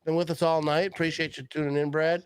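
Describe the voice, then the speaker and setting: Easygoing halting male host. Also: on the high side, little pitch movement, clean tone. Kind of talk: casual live-stream chat.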